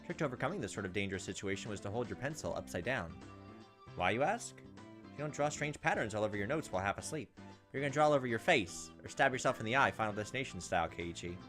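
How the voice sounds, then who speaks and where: Reading a visual novel aloud for a casual let's play, a man reacts to the plot and drops in his own informal remarks. He talks fast with lively intonation, his voice on the low side but fairly bright in tone, with faint background music.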